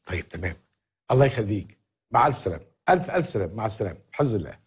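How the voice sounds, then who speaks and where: A scheming Egyptian go-between, rattling off wheedling lines at a breakneck pace. His voice is heavily husky and climbs and falls in lively swings, with faint music beneath. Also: fairly low pitch, racing. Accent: Egyptian Arabic. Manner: wheedling and conspiratorial. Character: scheming man, fast-talking go-between. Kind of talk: Egyptian film comedy acting.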